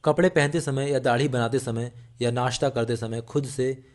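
A man reading a self-help audiobook aloud in a steady, earnest way, with small slips and restarts. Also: mid-range voice, moderate pace. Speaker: audiobook narrator. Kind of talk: scripted audiobook narration.

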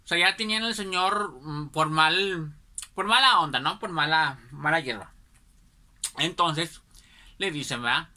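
A woman's voice: sits low, measured pace, pushed and bright. A woman, telling a childhood anecdote in a chatty, rambling way and often checking in with her listeners. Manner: chatty, rambling, keeps asking ¿verdad?. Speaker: storyteller.

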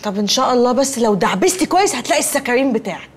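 A woman's voice: a little high, animated, racing, slightly rough. An actress playing a pushy, talkative young woman with an Egyptian accent who wheedles for favors, in a film comedy. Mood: wheedling.

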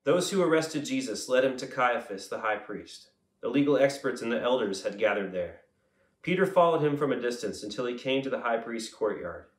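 A man reading scripture aloud in a steady, solemn way at a church service. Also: mid-range voice, fairly quick. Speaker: scripture reader. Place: church sanctuary. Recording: echoey church room.

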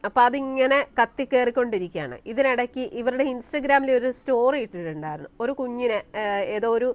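Scornful woman vlogger. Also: a little high. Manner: scornful, rhetorical questions, frequent fillers. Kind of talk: opinion commentary vlog.

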